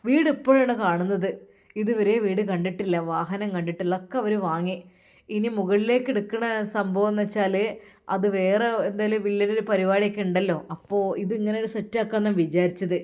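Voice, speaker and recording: A woman's voice: medium pitch, fairly even intonation, fairly quick, a little mellow. A woman with a Malabar Malayalam accent narrating a religious family story in an earnest, emotive way, with pious phrases throughout.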